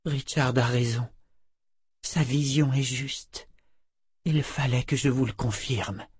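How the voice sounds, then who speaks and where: A man's voice: mid-range voice, steady tone, takes it slowly, slightly rough, dry recording, studio quality, pitched above the performer's own voice. A man reading the lines of a dying wizard speaking tenderly to his wife. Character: dying young-looking male wizard, tender.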